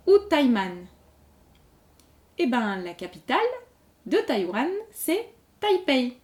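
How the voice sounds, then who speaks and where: Slow, lively-voiced woman hosting a quiz. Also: high-pitched. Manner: repeats each question, then explains the answer patiently. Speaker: quiz host. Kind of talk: reading quiz questions aloud, slow and clear.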